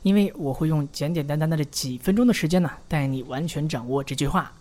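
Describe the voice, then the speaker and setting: Fairly high in pitch and a little mellow, an encouraging male teacher leads an English pronunciation drill lesson. He slowly demonstrates phrases, gives the listener pauses to repeat, and praises them often.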